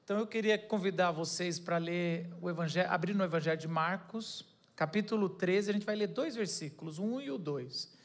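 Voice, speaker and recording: A man preaches in a loose, conversational way, with a voice that sits a little high. He jokes, trails off and corrects himself mid-sentence. The talk stays friendly and unscripted. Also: a little fast, few pauses. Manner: chatty, jokey, self-correcting. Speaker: pastor. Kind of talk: casual sermon with banter.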